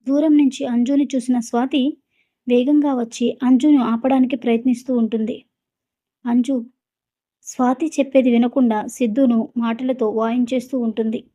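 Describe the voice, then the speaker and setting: Mellow-voiced woman storyteller. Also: on the high side, normal speed. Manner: steady, even storytelling. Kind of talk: scripted story narration.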